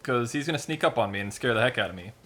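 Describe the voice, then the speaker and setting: Let's-play host, male, bright edge to the voice; chatty, jokey, easygoing. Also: mid-range voice, expressive, racing. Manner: chatty, jokey, bursts into an exaggerated announcer voice. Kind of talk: casual gameplay commentary.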